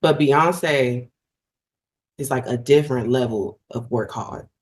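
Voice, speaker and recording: A woman's voice: rumbling low, slow. Effusive woman singer in casual chat. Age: middle-aged. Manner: animated, effusive, restarts often. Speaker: guest singer.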